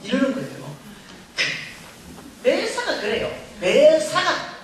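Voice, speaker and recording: Woman, church revival speaker, animated storytelling, frequent laughter, distant mic, roomy hall, faint noise. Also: high-pitched, slow pace. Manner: animated storytelling, laughing often, acting out dialogue. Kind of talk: humorous testimony sermon. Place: church sanctuary. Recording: echoey church hall from far off.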